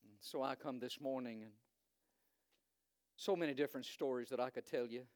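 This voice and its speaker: With a mid-range, slightly mellow voice at a moderate pace, a Virginian man preaches as a visiting preacher in a dry recording. His sermon is fervent, full of "uh" fillers, and rises to emphatic repetition.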